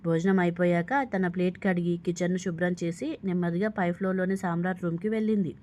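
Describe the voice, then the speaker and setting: A woman's voice: on the low side, flat delivery, quick pace, a little mellow. Woman narrating a dramatic story. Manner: reads every character's lines in her narrating voice.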